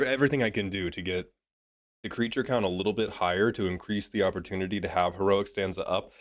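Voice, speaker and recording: A man giving a casual, joking review of a card deck, a bit sick and clearing his throat, swearing as he thinks aloud. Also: sits low. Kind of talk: casual commentary.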